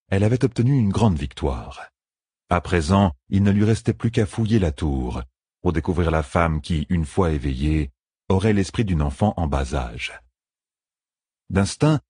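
Low husky male audiobook narrator. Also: a little mellow, no echo, clean studio sound. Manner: measured, dramatic reading. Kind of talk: scripted fantasy narration.

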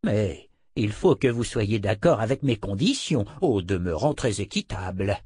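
A man reading a French audiobook, voicing a sly, theatrical male wizard who speaks slowly and deliberately with mock sincerity. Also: lowish voice, big pitch swings, a little mellow, husky, no room sound, studio quality, exaggerated voice. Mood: slow, smug.

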